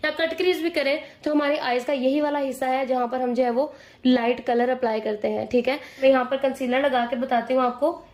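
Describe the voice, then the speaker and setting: A hoarse woman patiently explaining a makeup tutorial step by step, pushing her voice and checking in with her viewers often. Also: high-pitched, steady tone, fairly quick, a little mellow, reverberant.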